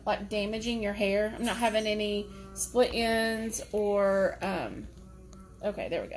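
A middle-aged woman, chatting casually and laughing often while she curls her hair in her home office. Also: mid-range voice. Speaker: hair tutorial vlogger. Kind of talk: casual live chat while styling hair.

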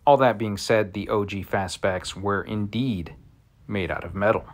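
Wry, low-voiced man reviewing tools. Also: unhurried. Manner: wry, joking asides. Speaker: tool reviewer. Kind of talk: casual product review.

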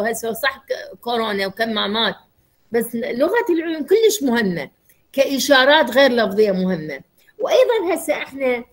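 A woman's voice: high-pitched, fairly bright tone. A woman doctor with an Iraqi Arabic accent giving a university lecture, explaining with acted examples and questions to her students.

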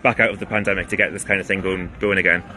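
A man's voice: low-pitched, steady tone, music in the background. A man working as a reporter, asking casual questions in a live-streamed outdoor interview. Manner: quick, casual questioning with fillers. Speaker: newspaper reporter. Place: outdoors at a restaurant.

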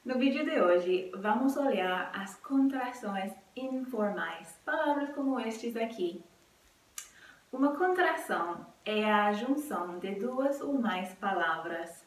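A woman English teacher giving a casual video lesson, explaining clearly and friendly with example phrases. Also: mid-range voice, lively intonation, slow, distant mic. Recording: roomy sound, slightly off mic.

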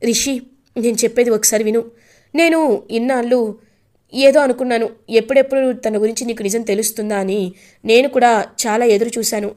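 Woman reading a pregnant young wife begging softly, her own fairly high voice. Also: fairly even intonation, a little fast, close to an everyday voice. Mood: pleading. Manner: soft, pleading.

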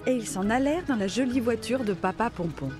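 A woman narrating a children's storybook cartoon in a gentle sing-song reading. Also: a little high, expressive, brisk, over music.

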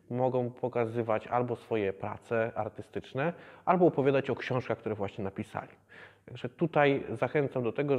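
A man in his thirties, a museum educator, explaining the exhibition in a measured way with many hesitations. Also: medium pitch, darkish tone, in a large hall. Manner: measured, with frequent hesitation fillers. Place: museum exhibition hall, indoors.

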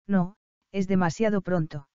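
A woman's voice: on the low side, steady tone, measured pace, mellow, clear, resonant tone, dry recording, muffled recording, natural voice. A woman reading a wary, heartsick young bride. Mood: troubled.

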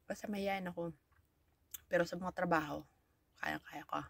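A woman's voice: on the low side, steady tone, moderate pace, gravelly, dry recording. A Filipino woman telling viewers chatty stories about herself while talking around a lollipop in her mouth. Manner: chatty, laughing, self-deprecating. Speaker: vlogger. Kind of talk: casual storytelling to viewers.

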